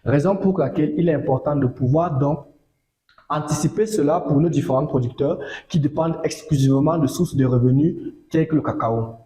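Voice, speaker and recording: A man giving a measured farming talk, repeating phrases and using fillers. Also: on the high side, warm tone, reverberant. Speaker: agricultural educator. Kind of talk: informative monologue.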